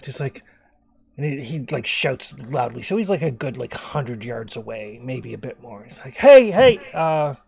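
A man's voice: medium pitch, moderate pace, creaky. A man narrating as game master, hesitant with lots of fillers.

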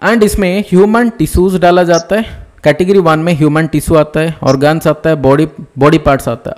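A man teaching a nursing exam class in a live online lecture, explaining step by step and often checking that students follow. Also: fairly high pitch.

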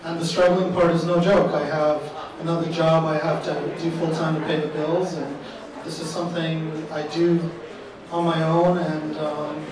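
A man in his thirties, an author on a panel, talking in a halting, self-deprecating way. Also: a little high, level tone, crowd noise. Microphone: handheld microphone. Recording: roomy distant sound with audience.

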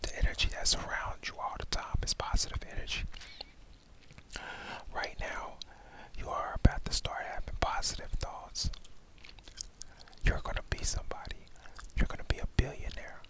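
A man's voice: moderate pace, pauses often. A young adult man whispers a reassuring ASMR pep talk of affirmations straight to the listener, close on a headset microphone. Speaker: ASMR host. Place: indoors, small room at home. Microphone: headset microphone close to the mouth.

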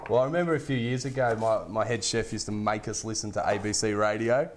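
Low-voiced man hosting a cooking show. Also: steady tone, fast talker. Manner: easygoing, conversational, asks friendly questions. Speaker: cooking show host and chef. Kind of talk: casual cooking show chat. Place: home kitchen, indoors.

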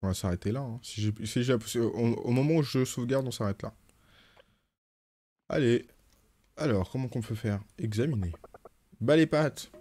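A man's voice: medium pitch, normal speed, pauses often, mellow. A man reading game dialogue aloud during a live stream, chatting casually with viewers between lines. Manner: reads game lines in playful put-on voices, chats with viewers. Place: home, with cats nearby.

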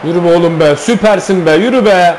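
A man with a Turkish accent giving live commentary on his own football video game, cheering and complaining loudly at the play. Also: high-pitched, fast talker, a little hiss or hum. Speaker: gameplay commentator.

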